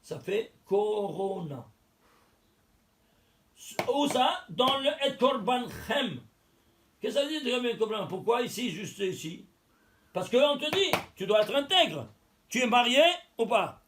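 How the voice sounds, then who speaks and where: A man's voice: very high-pitched, expressive, unhurried, noisy background. A man giving a religious text lesson, explaining step by step, counting letters aloud and asking and answering his own questions. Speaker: teacher.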